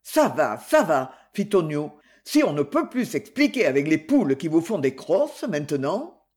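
A reader voicing a brutish, burly man from a bar who talks gruffly and threatens in an audiobook. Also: medium pitch, big pitch swings, unhurried, a little mellow, pitched below the performer's own voice. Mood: sullen. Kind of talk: audiobook reading.

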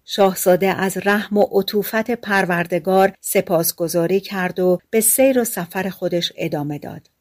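A woman narrating a fairy tale for an audiobook in a measured, even storytelling voice. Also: medium pitch.

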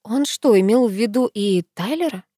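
A woman reading a first-person audiobook in an expressive, intimate way. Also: on the high side, moderate pace, dry recording, clean studio sound. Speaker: audiobook narrator.

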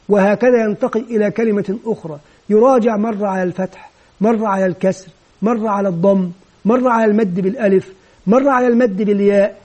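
A man's voice: high voice, dark tone, husky. A man giving an instructional lecture on teaching children to read, explaining each step patiently and modelling what the teacher says. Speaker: teacher trainer.

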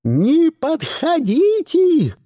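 A man doing a hysterical poisoner woman with a high, shrill, shrieking delivery, her words dragged out slowly. The voice is dry and close, with no room sound, as in an audiobook read in a treated booth. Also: big pitch swings, gravelly, dark tone, dry recording, exaggerated voice. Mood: threatening shriek. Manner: shrieking, frantic.

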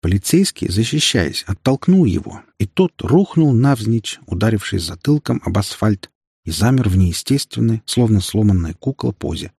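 Gravelly male audiobook narrator. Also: fairly low pitch, big pitch swings, moderate pace, a little mellow, no echo, clean studio sound.

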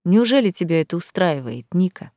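A woman voicing an angry young groom who talks in harsh, low, menacing tones in an audiobook. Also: very animated, a little fast, dark tone, no room sound, studio quality. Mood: bitter. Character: angry young man, bitter and contemptuous groom.

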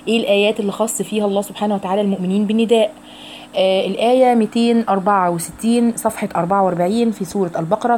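A woman with an Egyptian accent teaching a Quran recitation lesson, reciting slowly and drilling each syllable over and over. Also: medium pitch, mellow, slight background noise. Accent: Egyptian Arabic. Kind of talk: tajweed lesson with slow recitation.

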